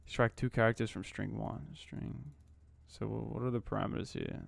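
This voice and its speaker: Gravelly young man streaming while coding. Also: on the low side, steady tone, normal speed, no room sound. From Australia. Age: 20s. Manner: mutters to himself, slangy. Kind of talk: casual live-stream chat while coding.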